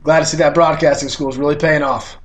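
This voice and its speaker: A man's voice: on the high side, level tone, quick pace, noisy background. A young man hosting a casual sports podcast, blunt and teasing, swearing freely as he talks. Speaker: podcast host.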